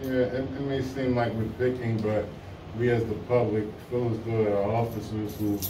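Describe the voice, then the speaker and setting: A man's voice: on the low side, level tone, normal speed. A man talking casually as a citizen questioning police. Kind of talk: casual conversation. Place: small indoor police station lobby. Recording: echoey, noisy, distant lobby recording.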